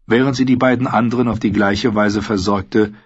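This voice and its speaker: A man narrating an audiobook in a steady, measured reading. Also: lowish voice, husky, no room sound. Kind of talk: scripted narration. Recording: dull lo-fi sound.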